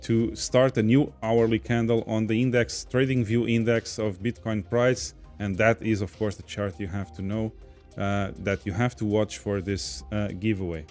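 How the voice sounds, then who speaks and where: A Portuguese man with a Portuguese accent casually hosts a livestream, reading viewer comments aloud as a podcast host, chatty and quick to laugh. His voice is on the low side, steady and a little mellow, at a moderate pace, with soft music in the background.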